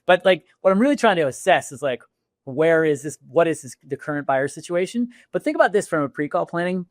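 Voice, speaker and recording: A man on a podcast talking about selling in casual, animated speech, often restarting sentences and acting out sample lines. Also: fairly high pitch, fairly quick, dry recording, studio quality. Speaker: podcast guest, sales executive. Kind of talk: casual interview talk.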